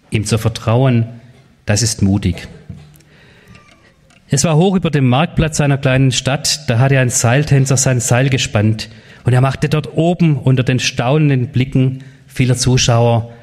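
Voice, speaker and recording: A man's voice: mid-range voice, unhurried, a little mellow. Man preaching a confirmation sermon. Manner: storytelling, quoting voices in the tale; addresses the teens directly with questions. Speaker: pastor.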